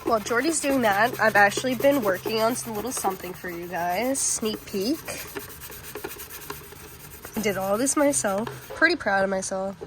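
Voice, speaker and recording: A woman's voice: medium pitch, moderate pace, poor audio. A woman hosting a casual car vlog in a garage, playful and teasing. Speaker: vlogger.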